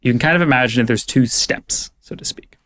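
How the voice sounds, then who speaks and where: Here a young Californian who spent part of his upbringing in Germany talks as a podcast guest about AI safety, which he advocates for. His mid-range voice is a little fast and fairly bright, and his thoughtful, conversational explanations include frequent fillers.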